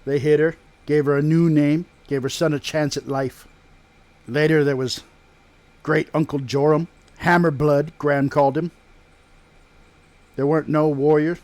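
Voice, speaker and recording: A man's voice: a little high, fairly even intonation, measured pace, pauses often, darkish tone. A man voicing a proud rustic blacksmith who tells family lore in country dialect, as if sharing gossip, in a tabletop game. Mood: proud, amused. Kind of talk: in-character tabletop role-play storytelling.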